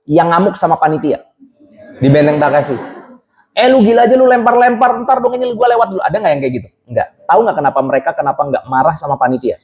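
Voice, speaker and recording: A man with a mellow, relaxed tone teaches a casual religious lesson to a young crowd. He talks in a chatty way, keeps checking whether listeners follow, and drops English phrases into everyday speech. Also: medium pitch, rough recording. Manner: chatty, keeps asking the audience rhetorical questions; mixes English phrases into colloquial talk. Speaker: Islamic preacher teaching youth.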